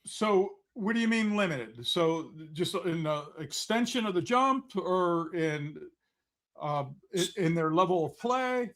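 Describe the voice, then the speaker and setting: A man hosting an interview, introducing his guest and asking brisk, direct questions. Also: high-pitched, lively intonation, a bit bright. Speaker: host.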